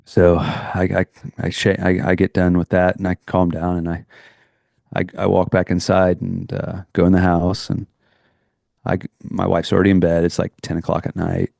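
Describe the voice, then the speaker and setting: A man's voice: low voice, completely flat delivery, moderate pace, gravelly, a little mellow, no echo, studio quality. A middle-aged man co-hosting a podcast, telling a personal story in a rambling, earnest way with many restarts. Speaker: podcast co-host. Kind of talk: casual chat, storytelling.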